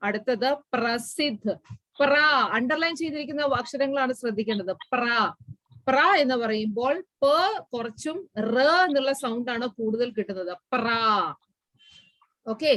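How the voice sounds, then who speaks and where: Woman, Malayali accent, school teacher, higher voice, dry close sound, repeats and sounds out syllables. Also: no room sound, rough recording. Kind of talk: online class explanation.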